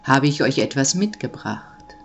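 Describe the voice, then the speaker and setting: A woman voicing a big, friendly old Nikolaus, speaking slowly and low. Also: sing-song, gravelly, breathy edge, full character voice. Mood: kindly. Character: deep-voiced kindly old Nikolaus, a big man.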